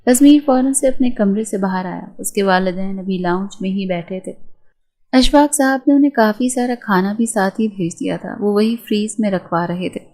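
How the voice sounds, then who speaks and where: Mellow-voiced woman narrating a novel. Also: medium pitch, low-quality recording. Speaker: storyteller. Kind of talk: scripted narration of a romance novel.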